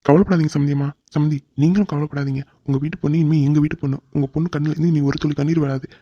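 A man's voice: on the high side, fairly even intonation, very fast, mellow, dry recording, natural voice. A man voicing a reassuring, middle-aged father of the groom in a cartoon drama, soothing the other family. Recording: dull lo-fi recording.

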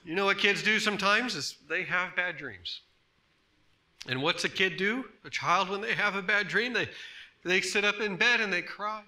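A man in his thirties, a pastor preaching a sermon in a church, dropping to soft hushed tones and rising to loud emphatic bursts. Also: high-pitched, moderate pace. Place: church sanctuary.

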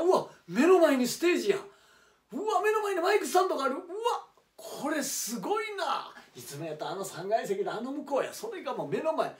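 A man voicing an excitable Kansai-dialect laborer who is a devoted fan, loud and lively. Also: high-pitched. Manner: loud, excitable, shouting at times. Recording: roomy, distant mic.

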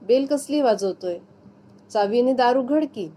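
A woman's voice: fairly high pitch, lively intonation, measured pace, warm tone, a little hiss or hum. A woman reading aloud, voicing a shy young wife who turns tired and exasperated with her husband. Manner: bashful, then exasperated. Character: young wife, shy but quick to scold.

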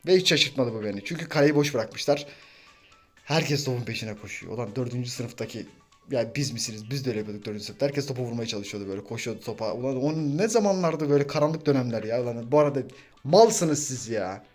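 A young man talks through his gameplay in a loose, excitable way, reacting fast and ribbing his teammates. His voice sits at an ordinary middle pitch. A little game music plays quietly underneath. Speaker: gaming YouTuber. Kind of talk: live gameplay commentary.

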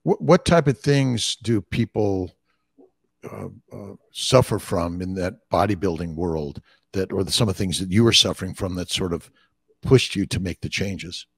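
An older man hosts the podcast from his studio, his low voice gravelly and husky. He asks questions haltingly, with plenty of "uh"s and restarts. The sound is dry and close to the mic. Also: no echo. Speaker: podcast host, doctor. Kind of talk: interview hosting. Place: studio, indoors. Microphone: large studio mic with headphones.

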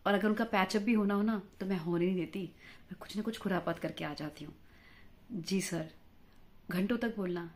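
A woman's voice: mid-range voice, darkish tone, lightly acted. A woman playing a chatty quarrelsome married mother. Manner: chatty, fawning toward interviewer, mixes English words into Hindi. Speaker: job candidate for news anchor. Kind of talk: comic acted monologue.

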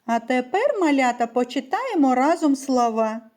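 A woman teacher giving a slow, sing-song early-years literacy lesson, speaking to small children. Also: high voice, very animated, a little mellow.

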